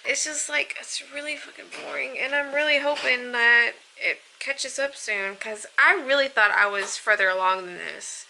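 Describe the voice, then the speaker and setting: Bright-voiced young woman rambling about books. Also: high-pitched, moderate pace, vocal fry, hardly any pauses, slight background noise. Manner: rambling, gushing, swears freely. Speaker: book vlogger. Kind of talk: casual reading vlog.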